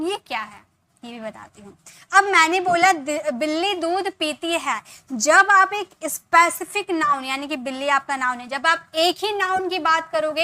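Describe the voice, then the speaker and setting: A woman with a high, bright voice teaches English grammar in a patient, explaining manner. She repeats each example and stretches out practice sentences slowly, word by word, then turns to her viewers with questions. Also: no echo. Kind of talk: Hindi-English spoken grammar lesson.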